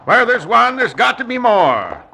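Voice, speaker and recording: An actor playing a folksy old frontier medicine-show doctor in a 1950s radio drama, with a gravelly, sing-song voice. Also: male voice, very high-pitched, wildly swooping pitch, a little slow, noisy background, exaggerated voice.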